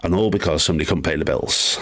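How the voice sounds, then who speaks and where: A man's voice: low voice, fast talker, fairly bright tone. A man hosting a live gaming news stream, chatting casually, rambling off on asides and answering viewers in chat. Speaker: gaming news livestream host.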